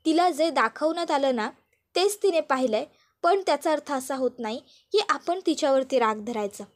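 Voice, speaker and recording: A woman voicing a calm businessman who speaks in a measured, reassuring way. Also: sits high. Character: calm jailed businessman, steady older brother.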